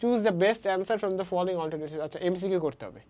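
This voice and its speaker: Bangladeshi lady teaching english online, lowish voice, reads the examples out slow. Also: a little mellow. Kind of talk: online class lesson.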